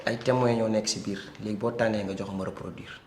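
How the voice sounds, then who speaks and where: Actor as brisk workplace man, TV series, matter-of-fact, roomy echo. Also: fairly low pitch, steady tone, close to an everyday voice. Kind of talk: TV series dialogue.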